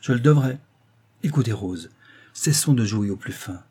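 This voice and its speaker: A man reading aloud voices a stern doctor, speaking with grave, calm authority. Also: mid-range voice, normal speed, breathy edge. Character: stern calm male doctor, family friend.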